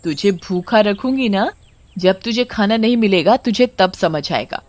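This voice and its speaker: A woman's voice: mid-range voice, lively intonation, moderate pace, darkish tone, no echo, natural voice. A woman voicing a cruel, harsh mother who scolds her daughter shrilly.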